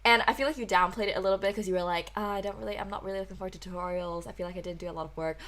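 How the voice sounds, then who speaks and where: A woman's voice: mid-range voice, steady tone, very fast, fairly bright tone. A woman in her twenties from Hong Kong, hosting a casual podcast and chatting with lots of "like" and restarts. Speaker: podcast host.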